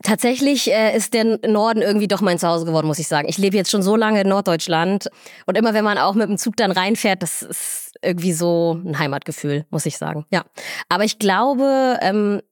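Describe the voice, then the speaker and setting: A young woman, a resident doctor, speaking reflectively with many pauses and fillers in a podcast interview. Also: medium pitch, no echo, studio quality. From Somalia, raised in Germany. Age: young adult. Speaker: resident doctor in gynecology and obstetrics.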